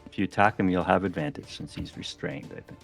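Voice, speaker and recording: A man running a tabletop game as game master, narrating events and ruling on checks in a relaxed way. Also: sits low, quick pace, gravelly, faint music behind.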